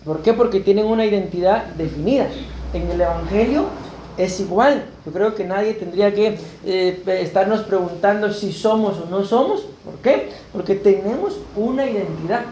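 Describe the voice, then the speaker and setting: At normal speed and in a high, mellow tone, a man gives a sermon as pastor in a church hall. He talks to the congregation in a conversational manner, regularly asking "¿verdad?". The sound is echoey with faint noise in the background.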